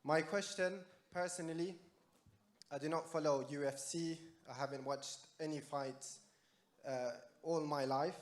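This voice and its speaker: A man's voice: on the high side, steady tone, measured pace. Earnest man asking a formal question. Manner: formal, earnest, religious phrasing. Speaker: audience questioner, former imam. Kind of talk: audience question. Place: theatre audience.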